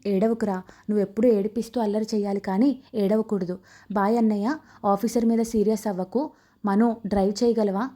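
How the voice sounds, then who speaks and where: A woman's voice: mid-range voice, fairly even intonation, brisk, warm tone, lightly acted. A woman voicing a caring young man who acts like an older brother in a storybook romance. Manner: caring, joking.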